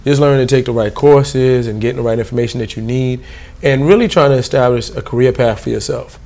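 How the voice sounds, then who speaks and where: Gravelly man. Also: mid-range voice, fast talker. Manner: relaxed, informal, many fillers. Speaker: youth program staff guest. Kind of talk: casual interview.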